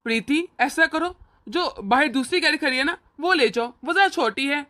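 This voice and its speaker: A doting older brother reassures and indulges his sister, played by a woman. The voice is high and bright. It is a homemade family drama. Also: animated, normal speed. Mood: indulgent.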